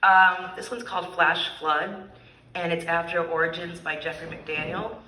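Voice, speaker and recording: A woman's voice: lowish voice, level tone, a little slow, sharp tone, distant mic. Woman reading poems aloud in an echoey room. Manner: laughs between poems, self-deprecating asides. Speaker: poet. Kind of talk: live poetry reading with casual asides. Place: live reading venue, indoors.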